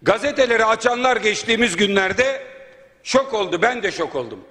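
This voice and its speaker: A man's voice: high-pitched, animated, fairly quick, pushed and bright. A man speaking as a member of parliament at a podium microphone in a large chamber, making an indignant, rhetorical floor speech that piles up points. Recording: long reverb of a large hall.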